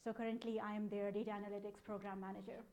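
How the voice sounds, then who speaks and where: Her medium-pitched voice is level and dark, and she races along. A woman in her thirties with a Pakistani accent and a role as data analytics program manager, she gives a conversational, explanatory conference presentation.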